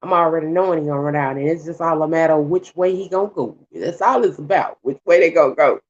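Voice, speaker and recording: A woman's voice: sits low, quick pace, muffled recording. A woman casually telling a story while cooking at home, repeating phrases and acting out the voices of people in it. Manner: animated, acts out voices in her retelling; colloquial, repetitive phrasing. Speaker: vlogger. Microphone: home recording while cooking.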